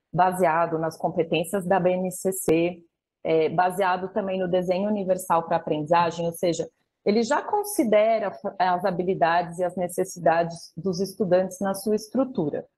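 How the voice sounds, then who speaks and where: A woman's voice: lowish voice, moderate pace, darkish tone, low-quality recording. A Brazilian woman with a Brazilian Portuguese accent leads a live online training for fellow teachers. She explains patiently, step by step, and often checks in with her listeners through short tag questions.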